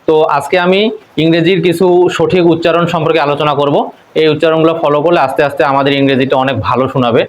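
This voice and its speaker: Bangladeshi man, pronunciation teacher, slightly high voice, slow spell-and-repeat drilling. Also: a little hiss or hum, rough recording. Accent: Bangladeshi Bengali. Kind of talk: spoken-English lesson.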